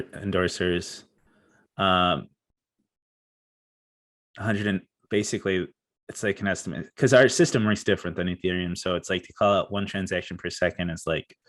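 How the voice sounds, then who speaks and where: A man co-hosting a casual podcast, talking with enthusiasm and rambling, with lots of fillers. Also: low-pitched. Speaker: crypto podcast co-host. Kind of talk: casual chat.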